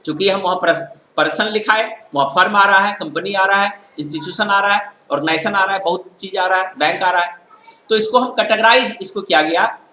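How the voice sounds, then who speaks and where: A man's voice: high-pitched, pushed and bright. A man teaching accounting in a classroom lecture style, explaining patiently and often checking whether listeners follow. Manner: explanatory, keeps checking understanding with tag questions; reads English definitions slowly, then explains them. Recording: echoey room with faint noise.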